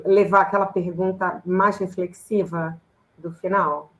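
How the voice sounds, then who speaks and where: A woman's voice: on the low side, steady tone, unhurried, rough recording. Woman host, chatty, asks loose questions. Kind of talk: live interview hosting.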